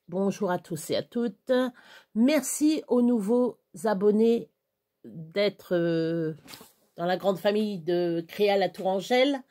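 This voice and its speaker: An older woman from Touraine in central France, a craft vlogger, rambles casually to her followers while working on crafts, with many hesitations and restarts. Her voice is mid-range with a dark tone.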